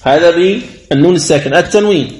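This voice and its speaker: A man teaching the rules of Quran recitation, explaining slowly and drawing out his recited examples. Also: on the high side, darkish tone, reverberant. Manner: slow, deliberate explanation with drawn-out recited examples. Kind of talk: tajwid lesson commentary.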